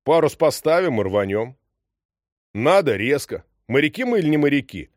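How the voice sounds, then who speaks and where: A man playing a reckless young sailor, urging the crew on with a bold, lively swing in his voice. dry, close sound. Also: medium pitch, moderate pace, no echo, pitched above the performer's own voice, natural voice. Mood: brash.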